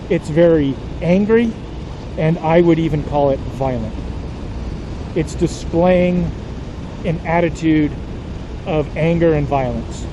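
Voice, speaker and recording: Man doing a sad moto vlog, slow halting talk, kinda high voice, traffic noise all around. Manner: slow, halting, emotional, choking back tears. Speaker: motorcycle vlogger. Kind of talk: somber vlog commentary.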